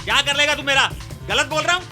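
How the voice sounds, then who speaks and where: An actor dubbing a young street thug in a film, mocking and provoking. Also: male voice, high-pitched, fairly even intonation, brisk, lightly acted. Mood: taunting. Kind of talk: Hindi film dub acting. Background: film score music.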